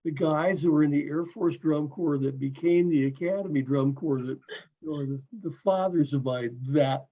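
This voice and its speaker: 70-something guy telling drum stories, higher voice, muffled zoom sound. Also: normal speed. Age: 70s. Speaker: drum corps member. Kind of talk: casual video call chat. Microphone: video call. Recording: dull lo-fi call audio.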